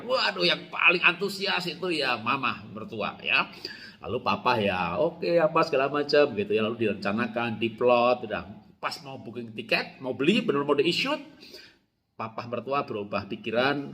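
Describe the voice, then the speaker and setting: A middle-aged Javanese man preaching a sermon as pastor, telling stories with laughter and shouting out quoted lines. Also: mid-range voice. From Java, Indonesia.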